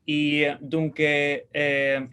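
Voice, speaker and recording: A man from Spain, whose voice is on the high side, delivers a language lesson in a completely flat, sharp, clean tone. Patiently, he repeats words slowly for pronunciation and checks in with short questions.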